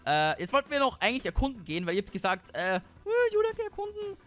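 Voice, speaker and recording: A man's voice: high-pitched, expressive, rapid-fire, a bit bright, soft background music. A young man hosting a casual game video, rambling and talking to himself with many fillers. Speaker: gaming video host. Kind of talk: casual let's play commentary.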